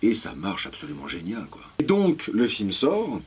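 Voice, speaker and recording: A man, a voice actor guest in an interview, telling lively anecdotes and swearing casually. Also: fairly low pitch, moderate pace, husky.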